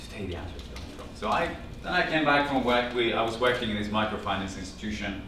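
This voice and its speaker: This fifties-aged Norwegian has a lowish voice and talks fast, his Norwegian accent clear as he animatedly tells a small audience a personal story, gesturing and quoting family conversations. The recording comes from a far camera with no visible mic in a classroom-sized meeting room with a projector screen, so it's echoey with a background hum.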